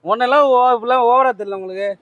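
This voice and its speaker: A man's voice: very high voice, quick pace, no echo, muffled recording. A young man doing a street prank, pushily pleading and calling after a woman outdoors. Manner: pushy, wheedling, keeps calling out to her.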